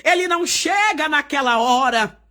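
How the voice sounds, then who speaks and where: A woman missionary preaching a fervent Pentecostal sermon, often shouting and crying out hallelujah. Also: high-pitched, animated, moderate pace.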